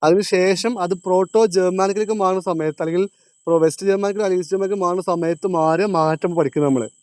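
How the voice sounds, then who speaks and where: High-voiced male teacher quizzing a class. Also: fairly even intonation, a little mellow, smooth, no echo. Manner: quizzes students, repeats each point, slows on key terms. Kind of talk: classroom lecture.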